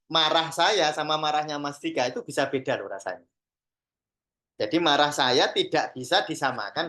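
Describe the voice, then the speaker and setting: A man with a Javanese accent teaches a class in a relaxed, chatty way. His voice sits a little higher than most men's. He slips into short acted-out examples as he explains. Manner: conversational, mixes in Javanese phrases, acts out examples. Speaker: Sufi teacher and therapist trainer. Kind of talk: informal teaching talk to a class.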